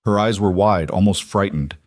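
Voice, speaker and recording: Narrating a dramatic story, a man keeps his voice low and steady and his pace normal. The recording sits close and dry, free of echo and room.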